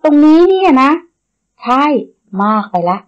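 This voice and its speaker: A woman voicing a calm older boyfriend who teases dryly, in a storybook reading. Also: high-pitched, measured pace, pitched above the performer's own voice. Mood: teasing. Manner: dry, teasing. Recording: dull lo-fi recording.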